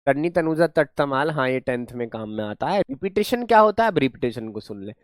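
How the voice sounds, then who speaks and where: A man's voice: medium pitch, a little fast, no echo, studio quality. A man teaching a grammar lesson, encouraging the class, repeating sounds again and again and praising answers. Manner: lively, encouraging, drills sounds by repeating them.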